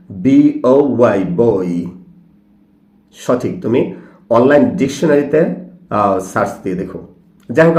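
Male teacher, mid-pitched voice, talks straight to students, spells words letter by letter, echoey room. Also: darkish tone. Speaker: English grammar teacher. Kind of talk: explanatory lesson. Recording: roomy echo.

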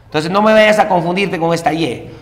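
A male teacher giving an exam-prep lesson, repeating each rule over and over and checking in with quick tag questions. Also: high-pitched. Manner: repetitive drilling with constant tag questions. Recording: long reverb room echo.

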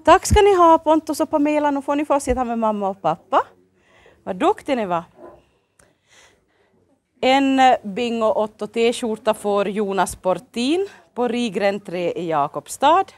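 A bright, fairly high woman's voice with a Finland Swedish accent, swooping up and down as she hosts a children's TV show. She coaxes the kids along with cheerful, sing-song questions. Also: expressive. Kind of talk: lively children's TV hosting. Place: local TV studio.

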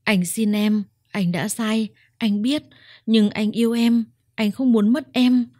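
A woman's voice: medium pitch, lively intonation, moderate pace, a little mellow, no echo, clean studio sound, natural voice. A woman voicing a guilty young husband who pleads with his wife. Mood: pleading.

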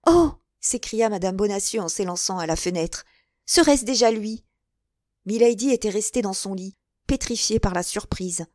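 A woman reading a classic novel aloud as an audiobook narrator, measured and even. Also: medium pitch, no echo, studio quality. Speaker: audiobook reader.

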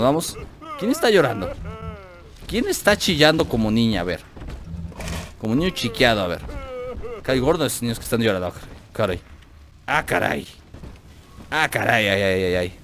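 A man's voice: medium pitch, sing-song, moderate pace, pauses often. A man with a Mexican accent who chats and jokes to himself and his viewers while playing a video game. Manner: jokey, chatty, talks to himself and the viewers. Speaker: gaming video host. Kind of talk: let's play commentary.

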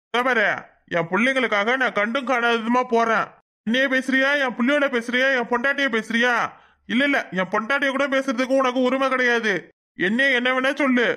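A high-voiced performer playing a stern middle-aged man who firmly lectures his family in a TV-serial-style dub. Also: sharp tone, lightly acted. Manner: firm, lecturing. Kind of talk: Tamil TV-serial dialogue dubbing.

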